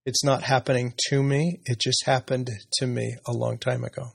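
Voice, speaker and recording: Brief: middle-aged male guest, rough husky tone, reflective and halting. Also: medium pitch, flat delivery. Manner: earnest and reflective, often hesitant. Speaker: interview guest. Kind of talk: personal story in conversation.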